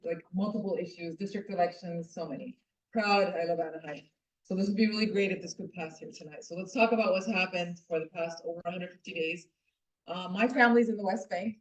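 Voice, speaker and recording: A woman's voice: on the low side, fairly quick. A middle-aged woman giving a heartfelt, impassioned personal speech at a political club meeting, speaking earnestly with frequent fillers and restarts. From Puerto Rico. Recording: distant, dull lo-fi room recording.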